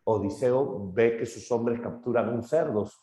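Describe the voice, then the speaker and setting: A male literature teacher retelling a story dramatically, shifting his pace and loudness, in an echoey room. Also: mid-range voice, unhurried. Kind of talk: lively story retelling in a lesson.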